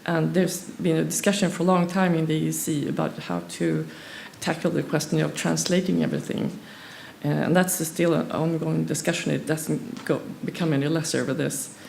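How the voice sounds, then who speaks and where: With a low, steady, darkish voice marked by vocal fry, a woman from Sweden presents at a conference in English as a second language. Her delivery is halting, with plenty of fillers, hesitations and restarts, and slight background noise can be heard.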